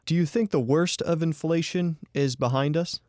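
A man's voice: fairly high pitch, moderate pace, darkish tone, no room sound, clean studio sound. A man interviewing a guest on radio news, asking direct, plain questions.

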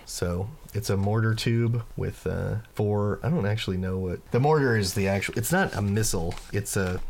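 A man's voice: lowish voice, normal speed, gravelly, a little hiss or hum. A man narrating as game master of a tabletop game, often laughing. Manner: animated, laughing, swearing.

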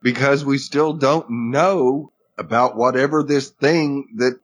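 A man's voice: medium pitch, steady tone, takes it slowly. A man co-hosting a podcast, recapping a TV episode in easygoing casual chat and laughing along often. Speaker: podcast co-host.

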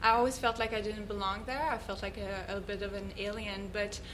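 A woman speaks as a guest in an interview. She tells her story in an earnest, thoughtful way, pausing to search for the right words. Her voice sits at a middle pitch. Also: little pitch movement, fairly bright tone, slight background noise, low-quality recording. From Switzerland. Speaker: guest, yoga teacher. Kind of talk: reflective personal storytelling.

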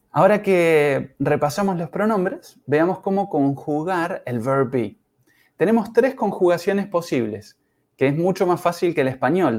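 A man's voice: on the high side, a little mellow. A man teaching English on a podcast, patiently repeating each word for learners. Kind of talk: podcast language lesson.

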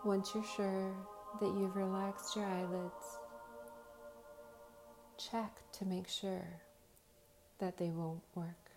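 A woman speaking as a slow, soothing hypnotist, guiding relaxation in short soft phrases with long pauses. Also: medium pitch, flat delivery. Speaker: host of guided meditation and hypnosis sessions. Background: faint music.

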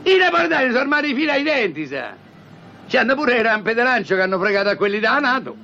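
An actor playing a loud, bossy football-fan father who organizes the bar's supporters, talking with a Roman accent in hectoring rhetorical questions. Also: extremely high pitch, big pitch swings, quick pace, a little hiss or hum, heavily acted. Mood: blustering. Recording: dull lo-fi film soundtrack.

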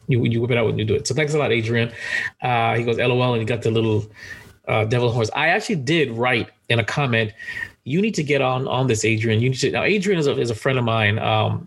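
A man's voice: medium pitch, creaky, slightly rough. A man co-hosting a podcast, chatting casually in a joking, rambling way with many restarts. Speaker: podcast co-host.

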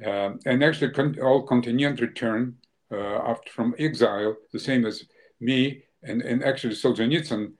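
An older male guest, Ukrainian-born and having come from Russia, responds to interview questions at a moderate pace in a mid-range voice. He sounds hesitant, repeatedly using fillers and restarting.

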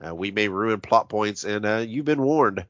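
A man with a stuffy, congested voice that sounds like he is inside a box, chatting casually and haltingly as a podcast host while sick. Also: fairly low pitch, fairly bright tone, no room sound, lo-fi sound. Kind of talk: casual horror movie review podcast chat.

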